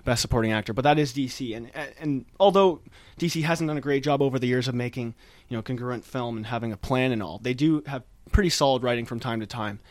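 A man's voice: mid-range voice, fast, no room sound. A man hosting a casual film discussion podcast, talkative and conversational, recorded in an attic. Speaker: podcast host. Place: indoors in a chilly attic.

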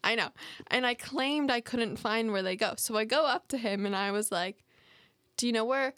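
A young woman co-hosting a podcast chats casually and breaks into giggles often. Her voice is bright and sharp and sits a little high. The sound is close and dry. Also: moderate pace, no echo. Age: young adult. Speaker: podcast co-host. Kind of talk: casual chat.

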